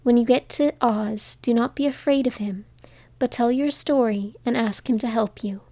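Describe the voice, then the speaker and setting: A woman voicing a kind-hearted little old witch woman who speaks gently and motherly in a storybook reading. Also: on the high side, normal speed, dry recording. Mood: gentle.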